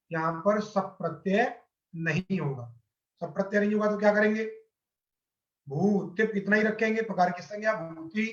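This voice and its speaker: A man teaching a grammar lesson step by step, asking his class questions and answering them himself. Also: high-pitched. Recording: roomy, dull lo-fi sound.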